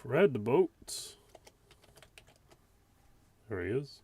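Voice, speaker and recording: A man's voice: medium pitch, sing-song, drawn-out words, a little mellow, slightly rough. A man acting as game master, narrating a tabletop role-playing session in a casual way. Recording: faint music behind the voice.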